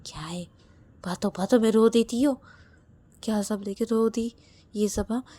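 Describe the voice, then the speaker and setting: A woman's voice: a little high, a little slow, mellow. A woman voicing a young man who comforts his crying partner in a spoken story. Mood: comforting. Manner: comforting, teasing.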